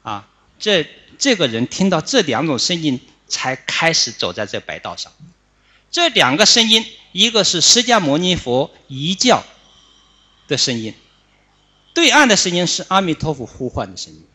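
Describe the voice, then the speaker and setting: Animated, husky-voiced male monk teaching. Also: a little high, normal speed. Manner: animated, explanatory, with frequent "ah" fillers. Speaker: Buddhist monk teaching chanting. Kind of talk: dharma talk on chanting.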